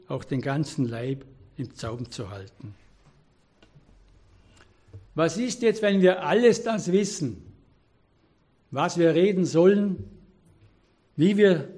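A man's voice: on the high side, a little mellow. A man preaching a sermon, earnest and exhorting, quoting scripture with emphasis.

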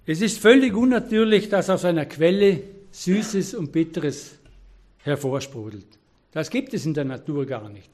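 A man's voice: on the high side, lively intonation, normal speed, darkish tone. A man preaching a sermon, earnest and exhorting, quoting scripture with emphasis.

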